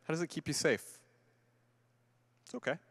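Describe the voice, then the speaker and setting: Animated man giving a keynote in a hall. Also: a little high, normal speed. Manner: animated, conversational, with playful asides. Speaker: keynote speaker. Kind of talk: conference keynote talk. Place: large conference hall before an audience.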